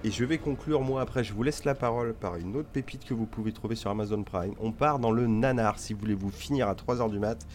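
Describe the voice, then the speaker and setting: A man's voice: on the low side, fast, few pauses, darkish tone, slight background noise. A man co-hosting a film podcast, chatty and joking as he recommends films. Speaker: podcast co-host. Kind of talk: casual film chat.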